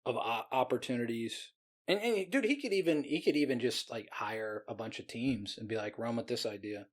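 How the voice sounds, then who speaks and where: Laughing, excitable podcast co-host man. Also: medium pitch. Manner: laughs often, quick excited asides. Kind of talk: casual chat.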